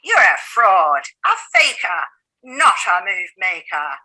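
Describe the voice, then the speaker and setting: A woman's voice: mid-range voice, big pitch swings, slow pace, pushed and bright. A woman reading her own poetry as a dramatic, emphatic recital. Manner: theatrical, emphatic.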